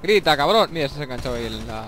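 A young man with a Spain Spanish accent giving excitable, swear-filled commentary over a shooter game and taunting the enemies. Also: medium pitch, rapid-fire. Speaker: gameplay commentator. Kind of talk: let's play commentary. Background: faint game music and gunfire.

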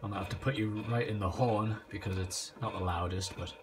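Fairly quick and fairly even in intonation, a low-pitched male voice walks through a relaxed show-and-tell of antique phonographs. He's at home in a small room, unseen behind a handheld phone or camera. Clicks and noise run through the recording.

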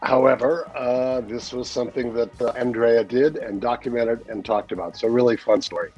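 A man's voice: mid-range voice, fairly even intonation, normal speed, darkish tone, lo-fi sound, soft background music. A man in his sixties, the show's regular editor, chatting casually on a video call from a home study, rambling with many fillers and easy laughs. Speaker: newsletter editor, regular guest. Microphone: webcam on a video call.

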